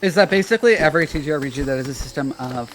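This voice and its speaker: A man's voice: a little high, animated, rapid-fire, fairly bright tone, a little hiss or hum. Man eagerly explaining game rules. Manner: enthusiastic, explains rules at length. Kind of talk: casual chat.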